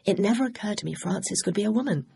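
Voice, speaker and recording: A woman reading an audiobook, voicing a suspicious woman amateur sleuth who speaks crisply and curtly. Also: mid-range voice, expressive, fast talker, mellow, slight background noise. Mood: sharp. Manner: crisp, wary and curt.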